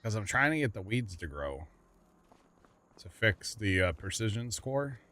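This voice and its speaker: A middle-aged man hosting a gaming livestream has a lowish, sing-song voice with a bright, forceful tone, and he speaks a little slowly. In casual chat he jokes, teases his co-player and hums while playing, with a game vehicle engine audible behind.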